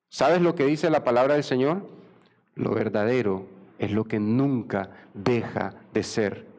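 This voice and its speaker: A man preaches a sermon. He speaks with passion and acts out the dialogue between God and Jacob, and his voice sits at an ordinary middle pitch for a man. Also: darkish tone. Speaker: pastor.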